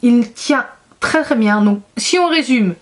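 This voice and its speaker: Brief: young female beauty vlogger, gushing and chatty, voice a bit higher than most. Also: animated, a little slow. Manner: chatty and enthusiastic, many fillers. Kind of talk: casual product review.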